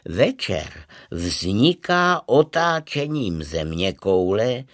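A man's voice: lowish voice, big pitch swings, no room sound, studio quality. A man voicing a timid, pedantic male teacher in a storybook reading, stammering and lecturing.

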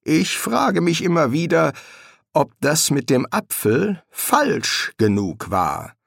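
A man's voice: fairly high pitch, very animated, slow pace, gravelly, fairly bright tone, no echo, studio quality, voice pushed up, full character voice. A man voicing a sly, ironic male demon who needles his friend in an audiobook reading. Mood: musing.

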